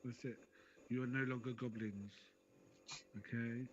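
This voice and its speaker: Casting note: man, casual co-host, rambling jokester, middle pitch, lo-fi call audio with a faint hiss. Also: fairly even intonation, measured pace. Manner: joking, rambling, swears freely. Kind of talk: casual chat. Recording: dull lo-fi audio with noise.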